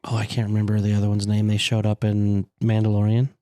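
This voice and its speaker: A man chatting with friends on a tabletop role-playing podcast, in lively banter. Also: on the low side, fast, no room sound, clean studio sound. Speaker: player. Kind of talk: casual chat.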